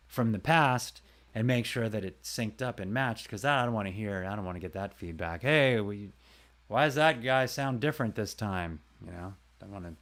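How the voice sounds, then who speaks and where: A man with a lowish voice hosts a casual livestream and talks into a close desk mic. He rambles in an easy, chatty way and drifts between topics while addressing viewers by name. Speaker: livestream host and voice actor.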